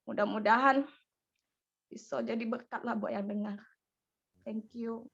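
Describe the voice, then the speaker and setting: A woman, giving a casual personal testimony to her church community, animated and full of fillers. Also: a little high, unhurried, gravelly. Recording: dull lo-fi audio.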